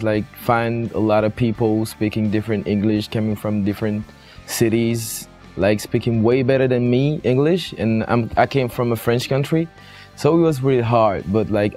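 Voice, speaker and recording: A young Senegalese man speaks as a student in a casual testimonial, his medium-pitched voice warm and mellow. He talks easily, dropping casual fillers along the way, while soft music plays faintly behind him.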